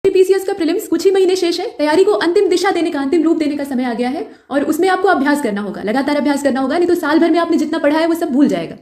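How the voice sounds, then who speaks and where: A woman with a high, slightly mellow voice teaches exam questions at a quick clip, barely pausing, in a roomy echoing space. Her quiz lesson is explanatory and instructional, mixing in English terms and repeating points in both English and Hindi.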